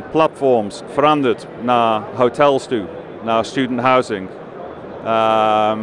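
Halting Englishman with an English accent, slow-paced. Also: mid-range voice, background noise. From London, England. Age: 40s. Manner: halting, searching for words in second language. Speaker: company director being interviewed. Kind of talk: on-camera trade fair interview. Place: busy indoor trade fair stand. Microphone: handheld interview microphone close below chin. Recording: clear bustle of busy exhibition hall behind.

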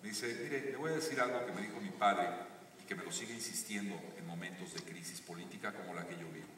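Man, earnest motivational stage talk, lowish voice, distant theater recording, heavy echo. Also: fast, noisy background. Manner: earnest, building to emphatic climaxes. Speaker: guest speaker on a live stage talk. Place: large theater stage with audience. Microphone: stage PA, recorded from the audience seats. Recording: echoey theater audio from far off.

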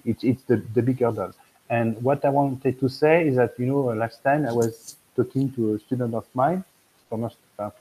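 Working as an admissions consultant, a man in his fifties from France gives a webinar talk on a video call from a room in his home. He has a French accent and a medium-pitched, warm voice, and he rambles with plenty of fillers and restarts over a rough recording.

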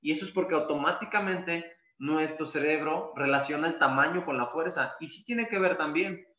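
A man's voice: a little high, normal speed, sharp tone. Guy teaching calisthenics, rambly, lots of pues, echoey dull room sound. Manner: casual, repeats words, fills with "pues". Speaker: calisthenics coach. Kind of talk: masterclass explanation.

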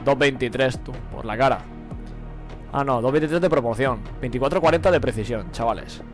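A man's voice: mid-range voice, fairly quick, soft background music, low-quality recording. A young man with a Spain Spanish accent, giving slangy, profane live gameplay commentary and laughing often. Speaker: gaming streamer.

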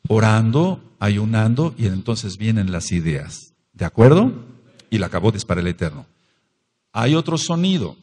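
A man's voice: on the low side, big pitch swings, normal speed, a little mellow, slightly rough. A man with a Mexican Spanish accent preaching a sermon as pastor, emphatic, repeating phrases and asking the congregation questions. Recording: long hall reverb.

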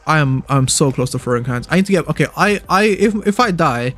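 A man's voice: on the high side, lively intonation, a little fast, fairly bright tone, faint music behind. A young man commentating his own online card game, ranting and repeating himself in exasperation. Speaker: gaming content creator.

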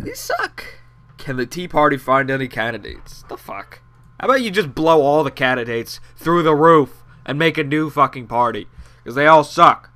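A man's voice: mid-range voice, bright, forceful tone. A young man giving rambling, profane, sarcastic commentary over his gameplay, with a nasal voice. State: out of breath. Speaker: gaming commentator.

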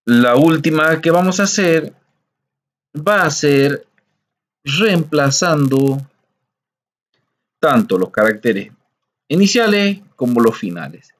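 Man, fairly high voice, unhurried teacher patiently walking through a coding lesson. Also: very animated. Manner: patient, slow, explains step by step, frequent "¿sí?" checks.

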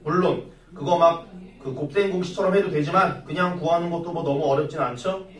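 A man's voice: fairly high pitch, fairly even intonation, a little fast. A male math teacher lecturing a class, breaking off to tell jokey stories. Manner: jokey storyteller, acts out drama scenes. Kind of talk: classroom lecture with joking asides. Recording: echoey classroom from far off.

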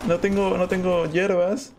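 A man streaming a video game and commenting on it, excitable, often yelling and whining at the game. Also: high voice, unhurried, a little hiss or hum. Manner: excitable, yells and whines at the game. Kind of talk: gameplay commentary.

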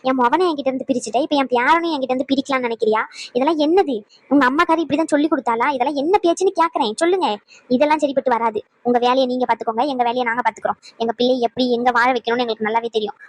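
A woman's voice: high voice, racing, no room sound. A woman voicing a stern, protective mother in a cartoon who scolds her in-laws indignantly. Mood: scolding. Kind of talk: cartoon voice acting.

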